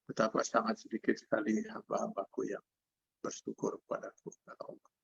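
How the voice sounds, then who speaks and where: Gravelly older Indonesian male preacher. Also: lowish voice, flat delivery, brisk. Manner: recites Arabic verses then translates them. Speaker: Islamic preacher. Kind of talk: sermon over video call. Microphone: video call. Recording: dull lo-fi video call audio.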